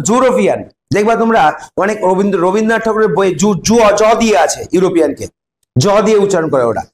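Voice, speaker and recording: A man with a Bengali accent teaching an English grammar lesson to a class, explaining step by step and asking students questions. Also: high voice. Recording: echoey classroom.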